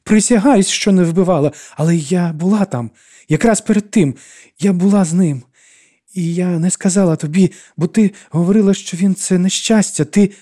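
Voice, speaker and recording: A man's voice: medium pitch, animated, fairly quick, warm tone, slightly rough. A man voicing an anxious young woman confessing in tears in an audiobook. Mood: pleading. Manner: pleading, self-pitying and tearful.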